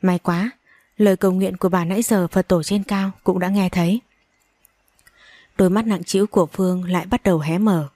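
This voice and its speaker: A woman's voice: lowish voice, steady tone, normal speed, warm tone, no echo. A woman reading a dramatic story aloud and voicing every character with strong emotion. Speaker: audiobook narrator. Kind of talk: storybook narration with acted dialogue.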